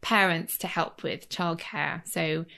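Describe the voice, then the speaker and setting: A woman from Leeds, Yorkshire, chats casually as a guest at a home in Cornwall, rambling with fillers and restarts. Her lowish voice is gravelly, pushed and bright, with fairly even intonation and a slow pace.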